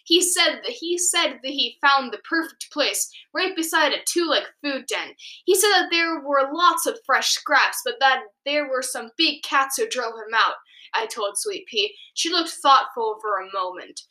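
A young woman with a high, bright voice reads her own old story aloud in a loose, casual way. She keeps breaking off into giggly, self-mocking asides. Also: expressive, unhurried. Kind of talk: casual read-aloud with commentary.

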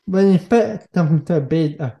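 A man hosting a casual podcast interview in halting, fragmented phrases. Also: fairly high pitch, creaky, lo-fi sound. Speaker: podcast host.

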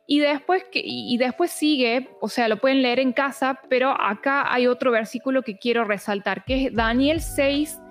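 High-voiced woman reading scripture slowly. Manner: reads slowly with small stumbles and restarts. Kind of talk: Bible teaching chat, reading scripture aloud.

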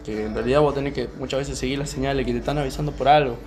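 A young man with a Rioplatense Spanish accent, calmly telling a personal story on a podcast, with many fillers. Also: mid-range voice. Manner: calm, unhurried, many fillers. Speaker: podcast co-host. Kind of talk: casual storytelling chat.

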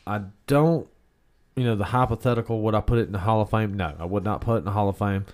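Guy, kinda low smoker's rasp, just chatting on a podcast about stuff. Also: fast talker, darkish tone. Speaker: podcast co-host. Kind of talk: casual beer-review banter.

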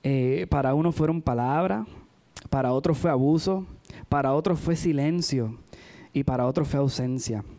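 A man's voice: medium pitch, normal speed, warm tone. A man preaching a sermon in a church, telling personal stories in a chatty way and often checking in with the congregation. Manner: chatty, frequent "¿verdad?" asides, addresses the congregation.

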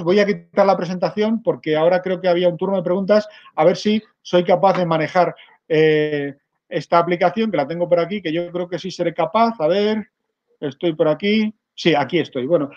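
A middle-aged man with a Spanish accent, giving an energetic online conference talk straight to his audience over a webcam. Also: high-pitched, a little fast, lo-fi sound. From Spain. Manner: energetic, direct, addresses audience as "mirad". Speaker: conference speaker.

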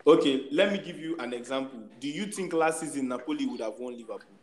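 Male football panelist, emphatic and repetitive in argument, mid-pitched, roomy echoey recording. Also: quick pace. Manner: emphatic, repeats his points. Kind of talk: casual sports debate.

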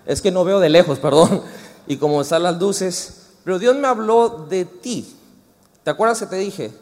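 A man's voice: sits high, moderate pace. A man with a Mexican accent preaching a sermon, chatty and joking with the congregation. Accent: Mexican Spanish. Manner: animated, joking and chatty with the audience. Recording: reverberant hall.

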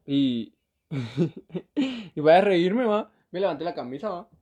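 A young man talks through a story in easygoing chat. His voice sits a little high but sounds mellow and warm, and he laughs often between lines. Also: animated, takes it slowly, husky. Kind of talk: casual chat.

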